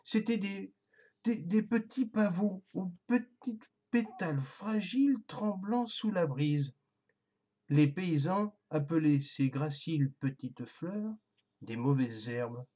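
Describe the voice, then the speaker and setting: Brief: children's tale narrator, husky, gentle, expressive delivery. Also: medium pitch, takes it slowly. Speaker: storyteller. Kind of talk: scripted children's story narration.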